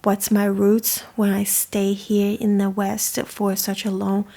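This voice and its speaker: Her delivery is completely flat and slow, with vocal fry and a mellow, mid-range voice. She's a young woman from China, a native Chinese speaker, hosting a coffee chat and reflecting casually.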